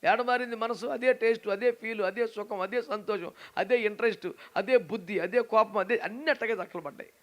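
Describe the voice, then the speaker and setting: A man preaching a sermon as a pastor in a lively, teasing way. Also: high-pitched, fairly quick, few pauses. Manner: animated, teasing, acts out quoted voices.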